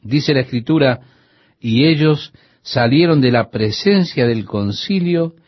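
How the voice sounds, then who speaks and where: A man preaches a radio sermon in a husky, slightly breathy voice, his pitch rising and falling with lively swings as he speaks earnestly and straight to the listener. The recording is dull and lo-fi, with a dry, close sound. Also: unhurried, no echo. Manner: earnest, addresses the listener directly.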